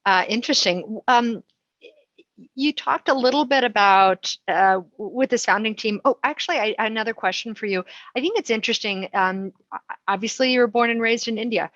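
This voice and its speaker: A woman's voice: on the high side, fairly quick, a bit bright, no room sound. A woman moderating a panel, asking questions with hesitant restarts. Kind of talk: interview questions. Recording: dull dry lo-fi audio.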